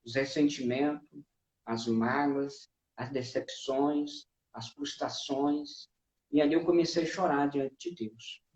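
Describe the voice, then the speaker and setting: A man's voice: mid-range voice, takes it slowly, a little mellow. A man earnestly telling his personal testimony as a guest, often adding "né". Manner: earnest, full of fillers like "né". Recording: echoey, dull-sounding room.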